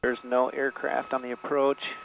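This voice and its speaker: Male pilot on headset, steady checklist delivery, slightly muffled cockpit audio. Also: medium pitch, moderate pace, vocal fry. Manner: calm, methodical checklist talk. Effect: pilot talking over a cockpit headset intercom. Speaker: private pilot. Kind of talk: narrating a flight and radioing air traffic control. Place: small plane cockpit. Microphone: headset mic. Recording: muffled headset audio with faint engine hum.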